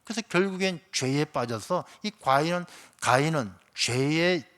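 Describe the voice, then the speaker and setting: A man preaching from the pulpit in a church, his voice sitting a little high for a man. He tells stories with animated swings in his delivery, slipping into the voices of the characters he describes. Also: moderate pace. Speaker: pastor. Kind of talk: sermon with storytelling. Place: church sanctuary.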